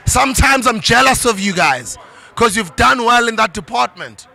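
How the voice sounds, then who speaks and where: A man's voice: very high voice, animated, normal speed, creaky, bright, forceful tone. A middle-aged South African man giving a passionate, preachy motivational talk to parents. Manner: passionate, preachy, switches into isiZulu. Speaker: motivational speaker. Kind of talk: motivational monologue.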